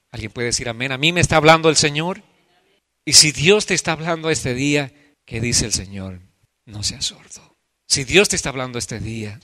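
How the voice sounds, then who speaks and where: Impassioned male pastor, bright voice. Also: mid-range voice, no room sound. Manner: impassioned, shifting from soft to loud. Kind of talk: sermon.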